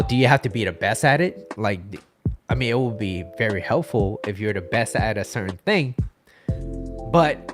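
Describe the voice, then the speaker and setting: A man's voice: medium pitch, fairly bright tone. Casual-talking male dating coach. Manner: conversational, repeats phrases, frequent "okay" and "like". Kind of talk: casual advice monologue.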